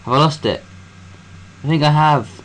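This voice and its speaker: A man's voice: on the high side, moderate pace, fairly bright tone, a little hiss or hum. A young man gives let's-play commentary, rambling to himself as he plays and swearing freely. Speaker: gameplay commentator.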